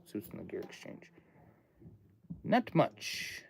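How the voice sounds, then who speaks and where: A man in his late thirties with a lowish voice chats casually on a livestream from his home studio, thinking aloud and rambling between topics. His pitch swoops wildly, his pace is slow, and there's vocal fry along with a slight hiss or hum in the audio.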